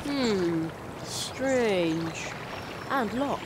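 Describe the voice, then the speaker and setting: Curious boy hero, polite, very animated intonation, video game dialogue, clear outdoor ambience behind. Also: high voice, drawn-out words, heavy background noise, exaggerated voice. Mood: musing. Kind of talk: video game character acting.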